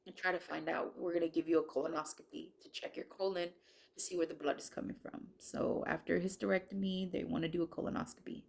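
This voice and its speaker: A woman's voice: lowish voice, flat delivery, fast, gravelly. A woman sharing a personal faith testimony, telling it earnestly and emotionally, often restarting her sentences.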